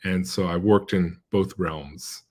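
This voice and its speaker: A middle-aged epidemiologist, born in China and raised in the American Midwest and central Pennsylvania, chats casually as an interview guest, hesitant and full of fillers and restarts. His voice is deep, steady, slow, a little mellow and husky.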